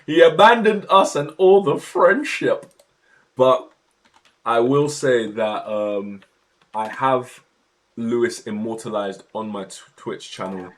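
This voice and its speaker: A young man chatting casually on his livestream, slang-heavy and talkative, in his home office. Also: on the low side.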